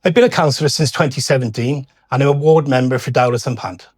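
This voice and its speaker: A man delivers a scripted address to residents. His pitch sits in the middle range, and he speaks formally and in a measured way, like a local councillor giving public information. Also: darkish tone. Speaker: local councillor, cabinet member.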